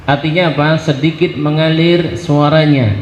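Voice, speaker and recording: A man teaching Quran recitation, explaining pronunciation and chanting each syllable slowly for a group to repeat. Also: a little high, fairly even intonation. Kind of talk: tajweed lesson with call-and-response drills. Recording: echoey hall, dull lo-fi sound, faint hiss.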